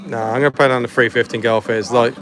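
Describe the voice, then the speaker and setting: A man's voice: mid-range voice, steady tone, rapid-fire, a crowd in the background. A young man, the host of a gambling channel, chatting casually and swearing as he plays the slots, often mocking himself. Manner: laid-back, swearing, self-mocking. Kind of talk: casual commentary on slot play. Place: arcade or bookmaker's with slot machines. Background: slot machine music.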